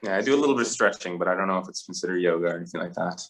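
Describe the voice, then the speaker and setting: A young man in his twenties with a deep, low voice talks as an interview guest. He is relaxed and rambling, full of fillers and restarts as he thinks aloud. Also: racing. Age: 20s. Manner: easygoing, rambling with frequent fillers. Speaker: rugby player guest. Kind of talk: casual interview chat.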